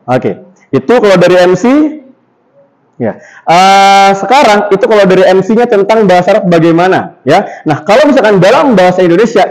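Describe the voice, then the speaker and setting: A young man with a high, light voice teaches a room of students about public speaking. He talks in a lively way, keeps quizzing the class, and shows how to recite in a flat, even tone. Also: low-quality recording. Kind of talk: classroom lesson.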